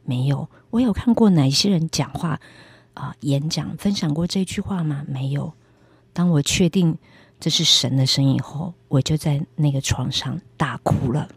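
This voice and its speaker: Female evangelist guest, earnest testimony storyteller, husky tone, dry close sound. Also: low voice, normal speed, dry recording. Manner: earnest storytelling with acted quotes. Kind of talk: personal faith testimony.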